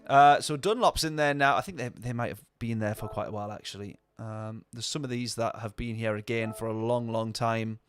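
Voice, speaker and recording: A man's voice: medium pitch, a little fast, hardly any pauses, clear, resonant tone, faint music behind. A man talking casually over a racing game stream, rambling and answering viewer chat. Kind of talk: casual gameplay commentary.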